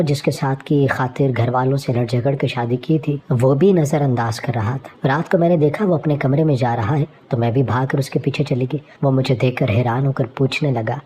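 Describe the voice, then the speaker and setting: A woman tells a first-person moral story in a steady, plain reading voice. Her tone is dark and mellow, and a faint hiss of noise sits under the voice. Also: very deep voice.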